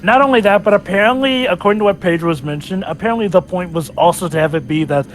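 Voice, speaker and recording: A man's voice: sits high, quick pace, slight background noise. A man casually commenting on a game replay, sarcastic and mocking. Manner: sarcastic, animated, mocking quotes.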